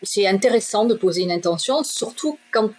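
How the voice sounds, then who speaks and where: A middle-aged woman from southwest France, a shop owner, telling her own story in a direct, lively way and acting out the dialogue. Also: medium pitch, moderate pace, slightly rough. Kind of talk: animated personal storytelling.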